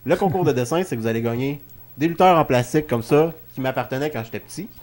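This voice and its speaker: A man's voice: mid-range voice, fast, a little mellow. Male talk show host, Quebec French accent, mid-range voice, casual studio chat, joking and informal.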